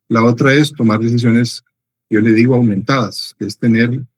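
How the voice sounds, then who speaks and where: A middle-aged man from Honduras, a business strategy consultant answering interview questions thoughtfully, with frequent pauses and restarts. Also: medium pitch, breathy edge, low-quality recording.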